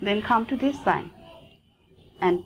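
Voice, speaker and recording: Slow Bengali-accented woman teaching phonetics. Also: medium pitch, lively intonation, slight background noise, poor audio. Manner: slow and deliberate, repeating sounds for practice. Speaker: English pronunciation teacher. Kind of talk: phonetics lesson.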